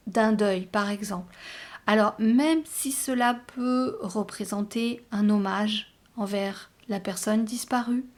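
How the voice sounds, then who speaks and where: A woman hosting a spiritual guidance channel, talking in a measured, earnest way with hesitant restarts. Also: fairly high pitch. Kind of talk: spoken spiritual guidance monologue.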